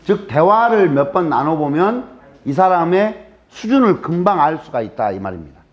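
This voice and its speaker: A man's voice: fairly high pitch, very animated, moderate pace. A man from Jeolla with a Jeolla Korean accent, giving a humorous lecture to a live audience, joking, teasing and firing rhetorical questions at the crowd. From Jeolla, South Korea. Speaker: guest lecturer. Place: lecture room. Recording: dull lo-fi recording.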